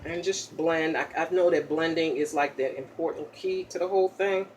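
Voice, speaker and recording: A woman's voice: sits low, fairly even intonation, normal speed, a little mellow, a little hiss or hum. Chatty woman popping gum. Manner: chatty, checks in with "okay?" after each step; pops chewing gum while talking. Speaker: makeup tutorial host. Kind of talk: casual makeup tutorial, ASMR style.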